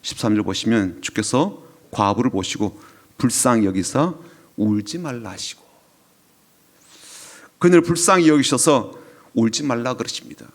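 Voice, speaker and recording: A man's voice: medium pitch, lively intonation, normal speed, pauses often. A male pastor delivering an emotional sermon, telling the story with drops to a whisper and sudden rises. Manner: emotional storytelling preaching, dropping to whispers and rising in swells.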